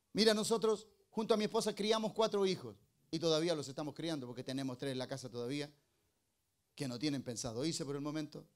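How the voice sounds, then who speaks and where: A middle-aged man preaching a sermon as pastor, firing rhetorical questions and swinging between loud emphasis and low, quiet asides.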